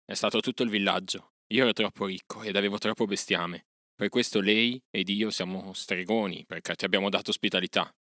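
A bitter, wounded village husband, voiced by a male storyteller, curt and gloomy in a dry bright voice. He complains with hopeless weight in a storybook reading. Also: fairly low pitch, fairly even intonation, brisk, no echo. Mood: resentful.

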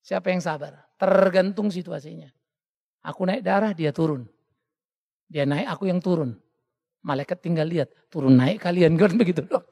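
A male pastor preaching a sermon in an animated way, often acting out the voices of the people he quotes. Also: high-pitched, moderate pace, creaky, big-room sound. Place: church hall.

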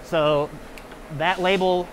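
A young man chatting casually about beer in a large warehouse, relaxed, with lots of fillers. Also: high voice, slow. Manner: relaxed, talkative with many fillers. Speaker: brewery guest. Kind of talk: casual chat. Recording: noisy warehouse room.

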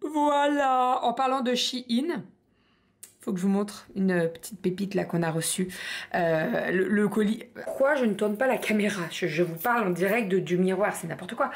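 A young woman chats casually to her camera as a vlogger, with plenty of hesitations and filler sounds. Her voice sits at an ordinary pitch with a gravelly fry at the edges. She talks in a loose, unscripted way. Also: normal speed. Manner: chatty, full of hesitations and fillers.

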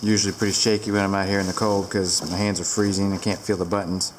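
A woman's voice: rumbling low, little pitch movement, fast talker. A woman giving a casual, rambling product review with fillers, filmed on a handheld camera inside a large barn with the door open to the wind.

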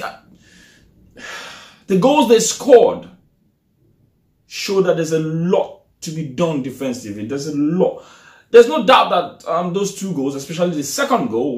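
A high-voiced young man talks straight into a camera set up in front of him, venting after a match. He sounds animated and frustrated, gesturing as he goes. The small room adds a clear echo. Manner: animated, frustrated, gestures a lot while talking. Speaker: football fan vlogger. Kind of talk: casual post-match reaction.

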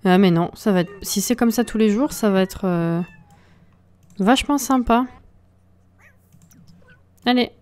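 A woman's voice: medium pitch, unhurried, long pauses, a little mellow. A woman hosting a let's play from home into a desk mic, giving casual, exasperated commentary and talking to the game characters.

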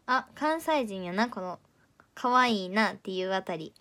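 A woman's voice: medium pitch, expressive, normal speed, bright, forceful tone. A teenage girl with a Kansai accent, an idol audition candidate chatting casually on a livestream, playfully teasing as she reads viewer comments. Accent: Kansai Japanese.

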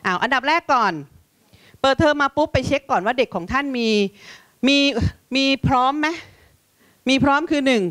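Lively woman teacher giving a lecture. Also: high voice, normal speed, clear, resonant tone, dry recording. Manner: lively, chatty, asks the audience questions often.

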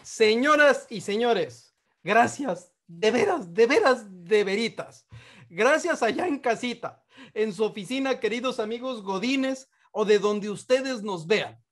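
A man's voice: sits high, expressive, measured pace. A man with a Mexican Spanish accent, hosting a comic game-show style program with theatrical, joking patter. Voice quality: playful and theatrical, with joking asides. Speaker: show host.

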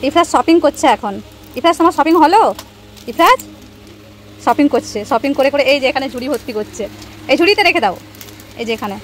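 A woman's voice: high voice, expressive, brisk, long pauses, slight background noise, low-quality recording. A young woman filming her children, playfully teasing them and narrating to viewers. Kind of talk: casual family vlog narration.

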